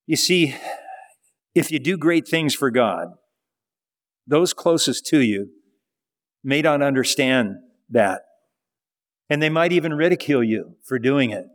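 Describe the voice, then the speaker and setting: A man's voice: medium pitch, expressive, unhurried, pauses often, long reverb tail. A male pastor preaching a sermon in a conversational style, with rhetorical questions.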